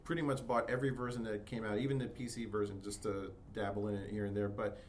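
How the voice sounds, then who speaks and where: A man's voice: fairly low pitch, little pitch movement, quick pace, a little hiss or hum. A man co-hosting a podcast, chatting casually and rambling with jokes. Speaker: podcast co-host. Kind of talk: casual chat.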